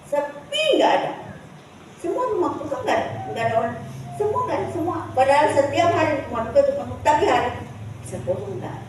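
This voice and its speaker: A woman gives a personal testimony at a church service, speaking in a halting, repetitive way, recorded from a distance. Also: high-pitched, sing-song, darkish tone. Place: church hall. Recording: echoey church hall from far off, faint noise.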